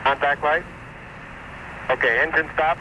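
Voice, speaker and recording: A man's voice: a little high, fairly even intonation, unhurried, bright, forceful tone. A man calling out terse, clipped readings as an astronaut, heard over a crackly space radio transmission. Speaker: astronaut on a landing mission. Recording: very noisy archival radio transmission.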